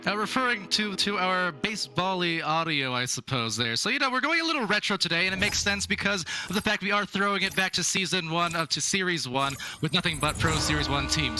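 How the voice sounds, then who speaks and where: Bright, higher-voiced male co-caster. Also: poor audio. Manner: rambling, self-deprecating banter. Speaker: color commentator. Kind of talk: live esports commentary.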